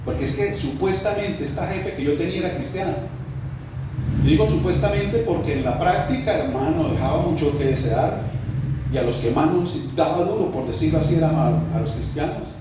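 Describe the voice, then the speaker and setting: Man, pastor, Colombian accent, storytelling sermon, fairly high voice, very echoey hall. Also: a little fast. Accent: Colombian Spanish. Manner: storytelling preacher, conversational, addresses the congregation as brother. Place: church hall. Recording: roomy echo, mic at a distance, faint background noise.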